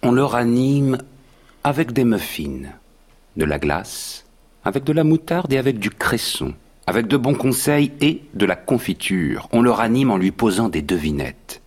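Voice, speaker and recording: A man narrating a French radio drama in a lively storytelling manner. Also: medium pitch, measured pace, breathy edge.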